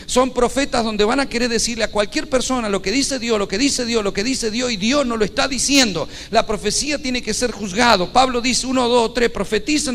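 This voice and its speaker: Male pastor, high voice, emphatic repetitive preaching, church hall reverb. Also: fairly bright tone. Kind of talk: sermon.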